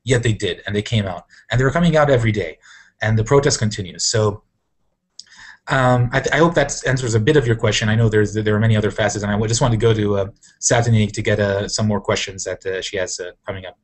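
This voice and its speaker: A man from Syria hosting an online panel, talking in a halting way with many restarts. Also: lowish voice. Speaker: host of an online panel discussion. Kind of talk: casual live video discussion.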